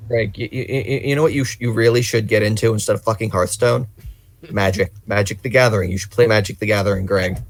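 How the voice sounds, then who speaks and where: A man's voice: on the low side, steady tone, fast. A man co-hosting a casual podcast, ranting and rambling with lots of swearing. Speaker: podcast co-host.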